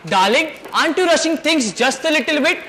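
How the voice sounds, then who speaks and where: A nervous young sculptor, played by a man, who talks in a hurried, covering way. His voice sits very high and bright. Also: lively intonation, a little hiss or hum, full character voice. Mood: flustered. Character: flustered young male sculptor hiding things. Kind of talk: amateur stage comedy acting.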